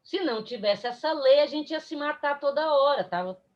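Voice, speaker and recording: A woman's voice: high voice, animated, normal speed, dull audio. A woman with a Brazilian accent giving a spiritist lecture online, incisive and direct with her listeners. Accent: Brazilian Portuguese. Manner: emphatic, direct, addresses audience.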